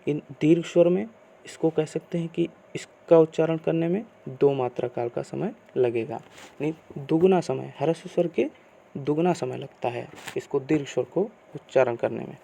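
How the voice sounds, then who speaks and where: A man teaching a grammar lesson, asking questions and answering them himself in slow, repeated teacherly phrasing. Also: on the high side, vocal fry, mellow, slight background noise.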